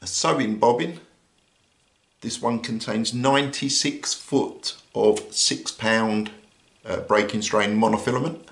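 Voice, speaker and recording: Relaxed and explanatory, an older man with a British voice that runs lowish shows off his survival kit piece by piece, pausing often to say "uh." The audio has a roomy feel. Filmed indoors at a table from overhead, the clip shows just his hands, not him.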